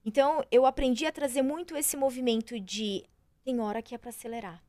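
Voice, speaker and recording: A woman with a fairly high voice talks in a lively, expressive way as a guest on an interview podcast. She often jumps into quoting her own thoughts and sounds close to the mic. The room around her is dry and deadened. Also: brisk, dry recording. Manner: animated, acts out her own inner voice in quotes. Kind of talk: casual interview chat.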